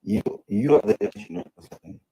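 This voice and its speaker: A man's voice: a little high, very animated, fast, gravelly, mellow, slightly rough, no room sound, low-quality recording. A man calling in over a glitchy, breaking-up connection, repeating a taunt. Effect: glitchy, breaking-up call audio. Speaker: caller.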